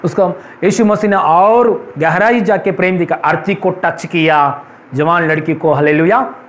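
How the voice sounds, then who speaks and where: A male pastor preaching with insistent, repeated hallelujahs. His voice sits unusually high for a man. It is a church sermon, earnest and emphatic throughout. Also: unhurried.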